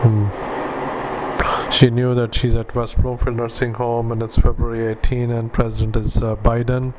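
A man working as a clinician dictates a medical note in halting fragments, speaking punctuation aloud. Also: mid-range voice. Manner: halting, flat, monotone delivery in short fragments. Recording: clearly noisy recording with background ambience.

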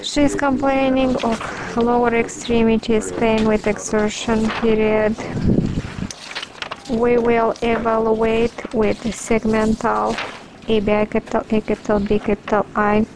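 A woman doctor dictating a medical letter, speaking punctuation aloud and spelling out drug names letter by letter in a measured, deliberate way. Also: a little high, little pitch movement, noisy background.

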